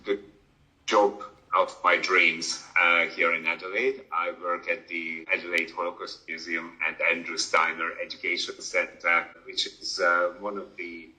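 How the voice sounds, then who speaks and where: A man in his fifties, raised in Hungary, speaks as a guest in a relaxed interview. His voice sits very low yet comes across bright and forceful. He talks with frequent fillers and a dry, wry humour. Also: unhurried, low-quality recording. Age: 50s. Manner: hesitant, many fillers, wry. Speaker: museum educator, guest. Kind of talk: casual interview.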